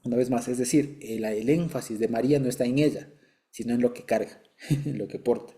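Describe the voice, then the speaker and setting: A man teaching a Bible study in a relaxed, conversational way, explaining patiently and often checking that his listeners follow. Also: medium pitch, brisk. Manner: constantly checks understanding with short asides; explanatory and patient, with light chuckles.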